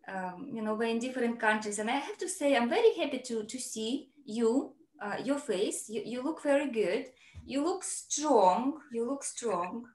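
Chatty woman host, fairly high voice, echoey room, laptop mic. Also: expressive, normal speed, a little mellow. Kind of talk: casual online interview. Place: home room, video call. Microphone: laptop mic on video call. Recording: roomy echo.

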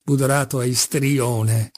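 A man reading an audiobook, voicing a hot-tempered young nobleman who answers his father in indignant, forceful declamation. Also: medium pitch, steady tone, a little slow, voice pushed down, natural voice. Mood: outraged.

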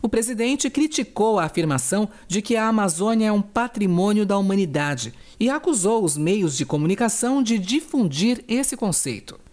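A woman news correspondent narrating a scripted report in a steady, even delivery. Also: medium pitch, normal speed, hardly any pauses.

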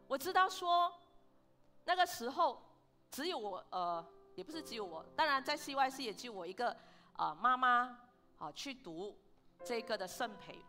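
A woman, her voice high and bright. She keeps asking the congregation questions and slips English words into her sermon. Soft music plays faintly behind her in the church hall. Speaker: pastor.

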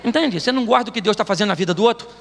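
High-voiced, joking pastor. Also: male voice, racing, long reverb tail, noisy background. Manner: joking storytelling, laughing often. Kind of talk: humorous sermon. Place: church stage.

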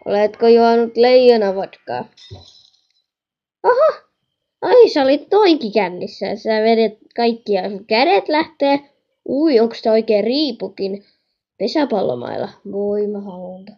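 A woman's voice: on the high side, lo-fi sound. Chatty young woman commenting on a game. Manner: chatty, excitable, giggly. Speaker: gaming channel host.

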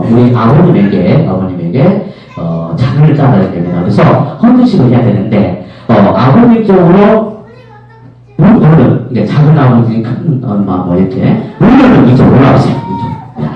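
A middle-aged man emceeing a lively party, joking with guests and leading the crowd in cheers. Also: mid-range voice, muffled recording. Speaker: event MC. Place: banquet hall with live crowd. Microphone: handheld mic. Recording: echoey hall, from far off. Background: music and crowd noise.

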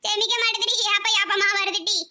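Woman voicing an old cartoon mother-in-law, southern Tamil accent, very high and quick, grumbling gossip. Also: level tone, background noise. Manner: complaining, scolding chatter. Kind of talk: cartoon voice acting.

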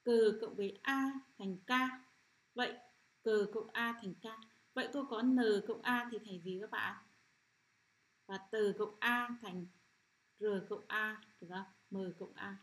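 A middle-aged woman teacher leading a children's phonics lesson, sounding out syllables slowly and often asking if the class has understood. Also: medium pitch. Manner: repetitive, checks understanding with frequent "được chưa?".

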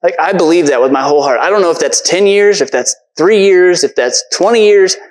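A man's voice: sits high, animated, fairly quick, poor audio. A man preaching a casual, earnest sermon from a church stage, talking conversationally with lots of fillers.

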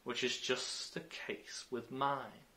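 A man's voice: medium pitch, steady tone, slow, sharp tone. A man voicing a rude, eccentric male hatter in a storybook reading, snappish and contemptuous.

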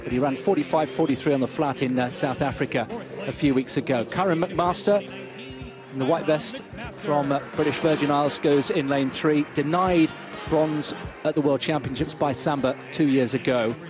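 A man giving live play-by-play commentary on an athletics race, introducing the runners, then rising to excited shouts during the race. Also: on the high side, moderate pace, over music.

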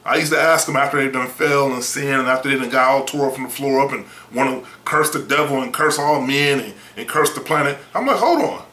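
A man's voice: medium pitch, steady tone, brisk, hardly any pauses, pushed and bright, roomy sound, rough recording. A man preaching a sermon in a blunt, emphatic, folksy way, often repeating words.

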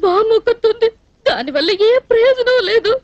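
A naive, lovestruck young woman in a film comedy, pleading and tearful. Her voice is very high and quick, on slightly dull, dry film audio. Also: lively intonation, a crowd in the background. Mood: plaintive. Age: young adult. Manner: plaintive, pleading, given to comic tears. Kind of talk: Telugu film comedy dialogue.

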